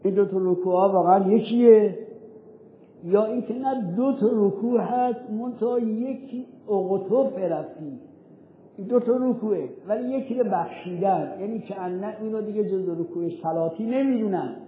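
A man teaching a religious law lesson, asking questions and answering them himself, and reciting Arabic phrases slowly. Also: high-pitched, slight background noise. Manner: asks and answers his own questions. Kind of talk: jurisprudence lesson. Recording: echoey tinny phone-like audio.

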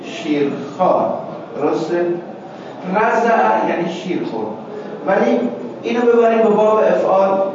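A man with a high voice teaches a class, breaking words down step by step and pausing so the students can call out the rest. He sounds far from the mic in a very echoey room, and the recording is dull and lo-fi. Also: background noise. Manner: prompts students to finish his sentences; explains word meanings step by step with checking questions. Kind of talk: classroom lecture.

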